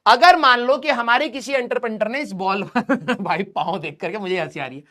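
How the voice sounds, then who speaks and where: A man's voice: very high voice, moderate pace, bright, forceful tone. A male physics teacher giving a joking classroom lecture, roasting his students as he draws. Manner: teasing, roasting students while drawing.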